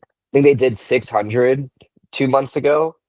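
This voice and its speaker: A young man in his twenties, a wrestler, answering interview questions in a relaxed way, thinking aloud with many fillers and restarts. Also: medium pitch, unhurried, dry recording. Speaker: wrestler, podcast guest.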